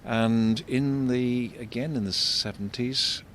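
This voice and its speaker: An older man giving unscripted commentary as an architect and local guide, discursive and explanatory, halting and repeating words. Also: fairly even intonation, fairly bright tone. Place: outdoors in a shopping street. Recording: vehicle rumble, street noise. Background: faint street traffic rumble.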